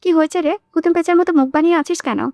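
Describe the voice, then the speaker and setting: A woman voicing a spirited, sharp-tongued young woman who talks in a lively, defiant way in an audiobook drama. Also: very high voice, rapid-fire, no room sound. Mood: teasing.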